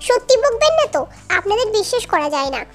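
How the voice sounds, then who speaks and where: Sulky quarrelsome young wife in a storybook reading, a woman doing the voice, soft music behind. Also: very high-pitched, sing-song, quick pace. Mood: cheeky. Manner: whiny, pleading and cheeky.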